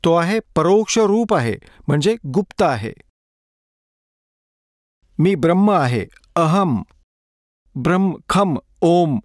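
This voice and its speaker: A man giving a sermon, reading scripture verse by verse and repeating key words slowly to explain them. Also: a little high, animated, dry recording, studio quality. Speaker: preacher giving a dubbed sermon.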